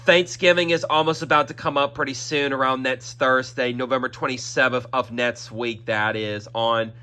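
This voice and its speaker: Young guy with a stuffy throat rambling thru a vlog update, bright clear voice, keeps repeating himself. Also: mid-range voice, fairly even intonation, normal speed. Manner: repetitive, circles back with fillers like "that is" and "y'all". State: congested throat, occasional coughing. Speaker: YouTube channel host. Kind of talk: rambling casual vlog announcement.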